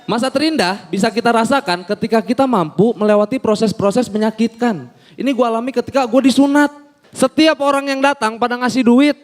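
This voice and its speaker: Animated high-voiced young comedian. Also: male voice, fairly quick. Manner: animated storytelling, acting out characters in shifting voices. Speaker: stand-up comedian. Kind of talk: stand-up comedy set.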